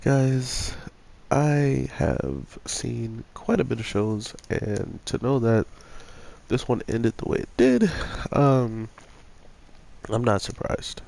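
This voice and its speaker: A young man with a stuffy cold sniffles while reviewing an anime episode. His mid-range voice is sing-song, slow, and darkish with vocal fry. He rambles casually, leaning heavily on fillers such as "like" and "you know."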